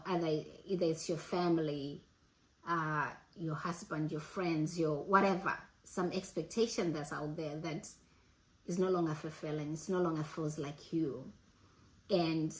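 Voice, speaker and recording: A woman in her late forties talking earnestly and reflectively to her audience, pausing and restarting as she gathers her thoughts. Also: low-pitched, darkish tone, poor audio. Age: 40s. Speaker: host. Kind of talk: reflective casual talk.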